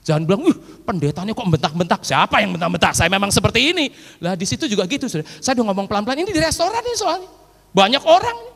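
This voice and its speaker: A man preaching a sermon as a pastor, telling a story with acted quotes and calling loudly to his listeners. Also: extremely high pitch, very animated, racing, vocal fry. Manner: loud, forceful preaching, says he preaches loudly. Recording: echoey long-reverb hall, old sermon recording.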